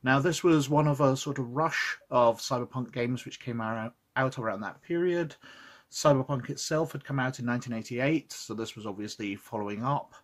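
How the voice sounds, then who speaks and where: A man's voice: medium pitch, normal speed. A man with a head cold, sniffly, hosting a casual review of an old roleplaying game book and reading its text aloud, with chatty asides and frequent "uh"s. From Scotland.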